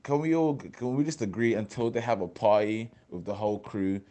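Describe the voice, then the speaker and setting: A young man with a London accent, hosting a casual chat on a voice call, animated and swearing, often talking over his co-host. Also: lowish voice, fairly quick. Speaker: podcast host.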